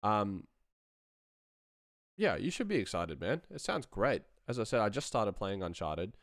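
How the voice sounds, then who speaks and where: With a fairly low voice full of big pitch swings and a measured pace, a man chats casually on a livestream, working through sound design out loud with enthusiasm. He's a sound designer giving a loose tutorial during a live session, recorded dry with clean studio sound.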